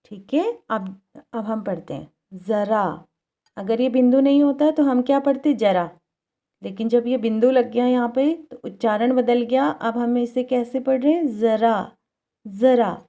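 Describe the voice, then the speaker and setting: A woman's voice: fairly high pitch, mellow. A woman teacher giving a recorded Hindi lesson to young children. She asks questions and answers them herself, and she draws out each example word. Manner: drawn-out, exaggerated pronunciation of example words. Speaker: school teacher.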